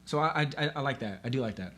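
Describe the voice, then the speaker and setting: A man's voice: medium pitch, lively intonation, racing, a bit bright. A young man co-hosting a podcast in casual chat, easygoing and agreeable, often hedging. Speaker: podcast co-host.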